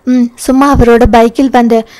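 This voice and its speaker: A woman voicing a tired, gentle young woman who has just given birth, in an audio novel. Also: on the high side, little pitch movement, moderate pace, lightly acted. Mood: pleading.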